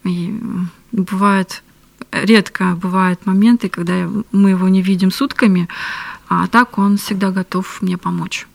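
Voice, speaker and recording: A woman guesting in a radio studio interview, speaking softly and earnestly with some hesitation. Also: medium pitch, steady tone, unhurried, gravelly. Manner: soft-spoken, earnest, hesitant. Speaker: guest, pastor's wife.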